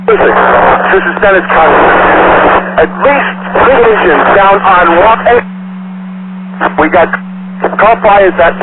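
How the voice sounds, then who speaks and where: A man's voice: high voice, takes it slowly, long pauses. A man as an emergency responder making an urgent radio call whose transmission breaks up and garbles, trailing off mid-phrase. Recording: tinny two-way radio with heavy static.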